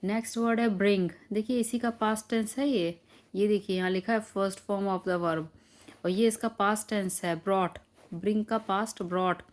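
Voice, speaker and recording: एक महिला शिक्षिका, जो बच्चों को धैर्य से शब्दों के अर्थ समझाती है और हर शब्द को धीरे-धीरे दोहराती है।. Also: female voice, medium pitch, fairly even intonation. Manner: repeats each word slowly, patient classroom explaining. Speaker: teacher. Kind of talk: explaining word meanings to children.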